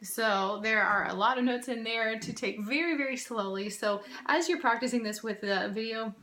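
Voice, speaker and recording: A woman's voice: on the high side, pushed and bright, soft background music. Patient woman teaching viola in echoey room. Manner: patient, explains slowly, sings rhythms. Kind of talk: casual music lesson.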